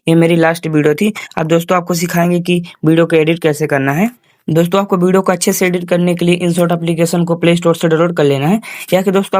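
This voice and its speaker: A fairly high-voiced man hosts an informal step-by-step screen tutorial, addressing viewers as friends and repeating instructional phrases. His tone stays very even, and the voice-over sounds close and dry.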